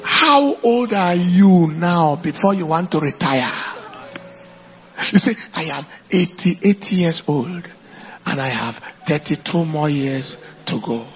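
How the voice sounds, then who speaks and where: A slightly high, expressive male voice with a Nigerian accent preaches slowly, weaving in anecdotes. Emphatic repetition drives his points home as he declaims to a congregation in this animated sermon. Highs are cut off in the recording, and soft music plays in the background.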